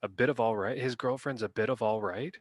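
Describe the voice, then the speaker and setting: A man's voice: medium pitch, a little fast, no echo, studio quality. A man co-hosting a podcast, rating dictionary words in casual chat and reading definitions aloud in a playful, rambling way. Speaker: podcast co-host.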